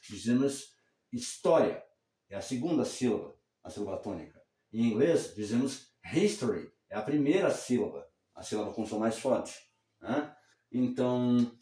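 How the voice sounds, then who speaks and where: A male English teacher explains pronunciation patiently and spells words out slowly. He often stops to check that the listener follows. His voice sounds roomy and a little distant from the mic. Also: medium pitch, dark tone. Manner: checks in often with short tags. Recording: echoey room, somewhat far from the mic.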